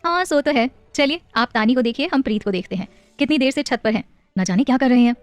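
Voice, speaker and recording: Audio story role: a loving, teasing young mother, as the woman narrator voices her, high-pitched, close and dry. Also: quick pace, dry recording, soft background music, natural voice. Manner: teasing, affectionate scolding. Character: young wife and mother, firm but loving.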